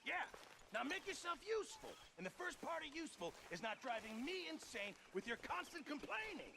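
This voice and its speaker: An actor playing a stout, quarrelsome camp cook, cantankerous and prone to shouting. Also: male voice, very high-pitched, big pitch swings, a little fast, creaky, heavily acted. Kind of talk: video game acting. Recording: noisy game audio.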